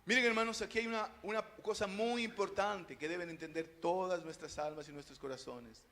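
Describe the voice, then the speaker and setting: A man, a pastor preaching a sermon in a church, calling out to the congregation and swelling loud on key phrases. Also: sits high, steady tone, fairly quick, long reverb tail. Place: church hall.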